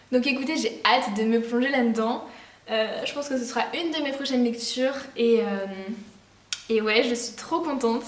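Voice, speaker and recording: A teenage girl vlogs about her presents in an excited, rambling way, full of fillers and false starts. Her voice sits a touch high. The room is echoey and she is some distance from the microphone. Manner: bubbly, rambling, many fillers and restarts. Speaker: vlogger. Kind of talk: casual gift haul vlog.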